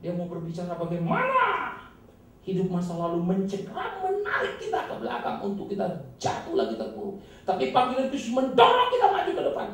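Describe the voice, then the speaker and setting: A male pastor giving an emphatic, dramatic sermon with sudden loud, high bursts, recorded from a distance in a church hall. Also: huge pitch swings, fairly quick. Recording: echoey hall, distant mic, faint noise.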